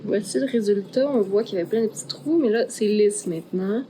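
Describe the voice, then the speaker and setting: A woman with a Québécois French accent talks through a craft process in a medium-pitched voice. She is informal and thinks aloud, dropping in English words here and there. Music plays clearly behind her. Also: a little fast. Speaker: craft artist, vlog host. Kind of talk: casual making-of vlog, explaining steps. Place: art workshop. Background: background music.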